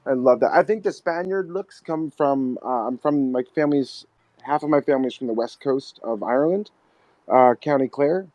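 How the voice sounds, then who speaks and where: A man's voice: medium pitch, moderate pace, a little mellow, no room sound, low-quality recording. A man hosting a casual chat, who tells rambling jokey stories and laughs often. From United States. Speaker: host. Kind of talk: casual chat on a live audio room.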